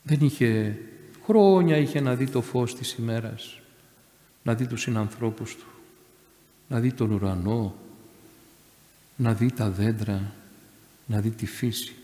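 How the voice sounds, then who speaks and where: A man giving a sermon as a monastery elder, emphatic, repeating phrases and rising louder on key words. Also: mid-range voice, long pauses. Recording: echoey church reverb.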